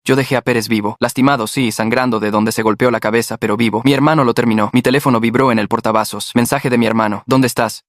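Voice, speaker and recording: Un hombre con acento mexicano que narra en primera persona una historia escrita, en tono tenso y constante. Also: male voice, medium pitch, fast talker, few pauses, dry recording, clean studio sound. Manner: tense, steady storytelling. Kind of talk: scripted first-person story narration.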